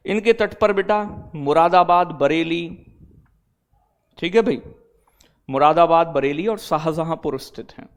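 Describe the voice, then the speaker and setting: Male exam-prep teacher with a slightly high voice, casual and blunt, keeps asking the class if they follow. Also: measured pace. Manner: addresses students as beta and bhai, repeats "theek hai bhai?"; digresses into blunt talk, then back to teaching. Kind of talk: live online class, chatty lecture.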